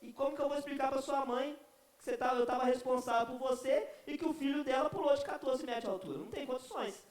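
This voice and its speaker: A man voicing a frantic old grandmother who scolds her grandson in a shrill, pleading way. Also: fast talker, roomy sound, far from the mic. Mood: scolding.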